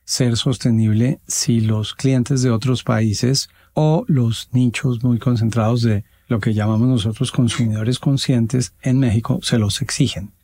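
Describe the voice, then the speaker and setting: A Colombian man answering interview questions in a measured, formal, explanatory way, with pauses. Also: medium pitch, dark tone, no echo. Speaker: guest, association president.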